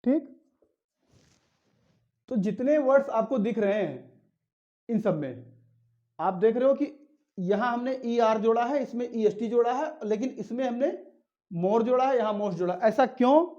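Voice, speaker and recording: A man's voice: very high voice, expressive, a little slow, long pauses, warm tone. Man teaching grammar over lo-fi audio. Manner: explains step by step, asks and answers his own questions. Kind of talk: classroom grammar lesson.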